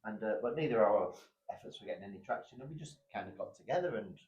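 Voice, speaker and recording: A man's voice: on the low side, lively intonation, fast, a little mellow, lo-fi sound. A man, a guitarist, chatting in an easygoing, agreeable way. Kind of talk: casual chat. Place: backstage green room. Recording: roomy room.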